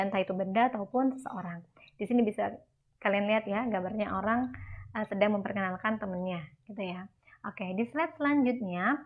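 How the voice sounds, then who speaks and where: Chatty woman teacher on lo-fi audio. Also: medium pitch. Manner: chatty, many tag fillers, mixes in English terms. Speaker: English teacher. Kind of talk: classroom lecture explaining slides. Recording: dull lo-fi recording.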